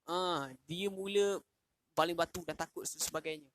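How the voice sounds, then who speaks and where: A man's voice: on the high side, fairly even intonation, moderate pace, a bit bright, slight background noise. A man, telling a story in a casual livestream lesson and asking questions. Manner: casual, with fillers and restarts, asks the audience questions. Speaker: Quran class teacher.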